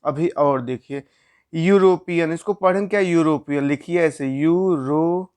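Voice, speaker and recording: A man's voice: on the high side, moderate pace, a little mellow, smooth. A man teaching a grammar lesson, explaining step by step and asking questions he answers himself.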